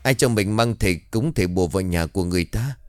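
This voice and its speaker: A man's voice: low voice, clear, resonant tone, no echo, lightly acted. Man doing an anxious fearful village worker. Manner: worried, hurried.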